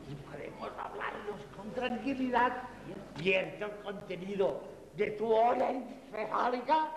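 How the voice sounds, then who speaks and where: A man playing a nosy, skeptical slave creature in a theatrical comic dialogue, teasing with drawn-out delivery. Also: sits high, gravelly, background noise, full character voice. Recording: very echoey hall, crowd sound behind.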